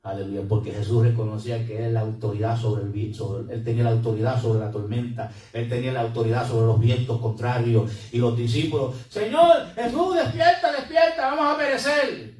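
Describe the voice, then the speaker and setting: A man's voice: medium pitch, little pitch movement, a little fast, mellow. A man who is a pastor, preaching a sermon to his congregation and mixing in English words, recorded from a distance in a church hall. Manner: preaching with Spanish-English code-switching. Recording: echoey room, mic from a distance.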